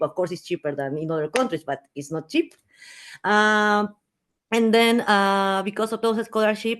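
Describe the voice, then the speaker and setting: Chatty Peruvian woman in her thirties. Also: lowish voice. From Peru. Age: 30s. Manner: chatty with frequent fillers and restarts. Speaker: guest speaker. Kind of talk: conversational interview.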